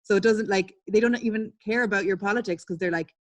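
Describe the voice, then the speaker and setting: A woman's voice: medium pitch, quick pace. A woman, an artist and publisher, giving a candid online talk over a video call, swearing and laughing as she tells stories. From Ireland.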